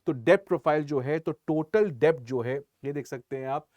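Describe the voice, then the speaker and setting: A man's voice: fairly high pitch, normal speed, a little mellow, no room sound. A man teaching an exam-prep lecture in Hindi mixed with English in an Indian accent. He drives his points home with rhetorical questions.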